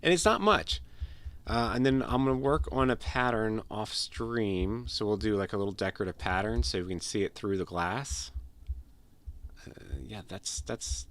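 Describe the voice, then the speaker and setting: A man's voice: fairly low pitch, smooth. A man with a sick, nasal voice, chatting casually with viewers as he wraps up a game stream, rambling and repeating himself. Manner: rambling, repeats words and restarts sentences. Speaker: livestreamer. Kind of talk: casual stream chat while gaming.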